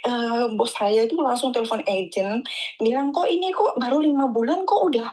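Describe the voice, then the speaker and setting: Seorang wanita menelepon dari luar negeri lewat sambungan telepon yang kresek dan putus-putus. Ia bercerita dengan santai dan sering tersendat. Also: female voice, on the high side, warm tone. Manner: chatty, halting with many restarts. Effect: crackly phone line that keeps breaking up. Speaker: caller from abroad. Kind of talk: casual phone chat.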